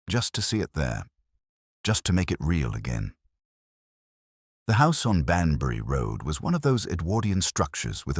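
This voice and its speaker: A man playing a brooding, literate police inspector, narrating a detective drama in a measured, wry, reflective way. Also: a bass voice, breathy edge, no echo, clean studio sound, exaggerated voice. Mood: dry, observant. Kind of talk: scripted first-person detective drama narration.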